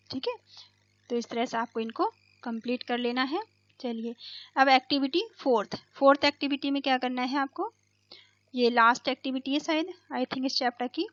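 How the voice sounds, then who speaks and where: High-voiced woman teaching slowly. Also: a bit bright, dry recording, dull audio. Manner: slow explanatory, repeats words, asks and answers own questions. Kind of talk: bilingual classroom lesson.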